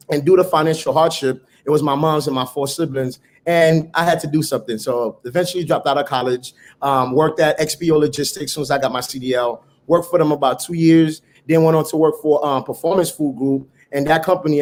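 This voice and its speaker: The voice is a man's, somewhat high and darkish in tone. He's a middle-aged Haitian startup founder guesting in a conversational interview, telling his story with earnest motivation and sometimes repeating himself.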